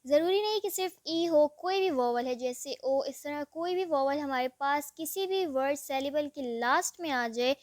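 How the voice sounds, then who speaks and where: A woman's voice: high voice, moderate pace, few pauses, no room sound, studio quality. A woman teaching English vowels, spelling out words letter by letter and stretching the vowel sounds in a patient classroom manner. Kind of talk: slow classroom explanation.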